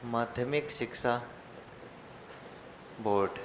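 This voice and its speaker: A man's voice: mid-range voice, takes it slowly. A male teacher, giving an online exam-prep class. He asks his own questions and answers them, with joking, mock-dramatic asides. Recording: echoey room with faint ambient noise.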